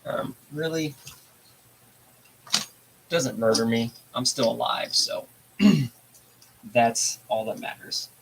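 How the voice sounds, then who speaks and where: A man's voice: medium pitch, slow pace, gravelly, long pauses, a little hiss or hum, rough recording. A man hosting a casual hobby livestream, talking in a laid-back, rambling way with plenty of fillers. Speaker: livestream host.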